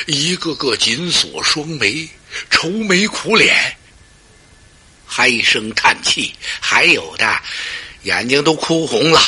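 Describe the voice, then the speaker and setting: A man's voice: medium pitch, bright, forceful tone, slightly rough. A male storyteller performing a traditional tale dramatically, with asides to the listener.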